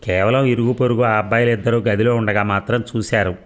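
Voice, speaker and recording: A man reading a forceful defense lawyer. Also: on the low side, fairly even intonation, a little fast, natural voice. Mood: arguing. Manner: arguing, emphatic.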